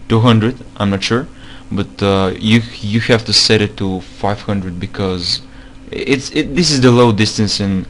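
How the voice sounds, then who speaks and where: A man whose first language isn't English walks through a screen-recorded game-modding tutorial at a slow, unhurried pace in a slightly low, somewhat bright voice. He's hesitant, pausing often for fillers, repeating himself and restarting, while a faint hum runs under his desktop mic.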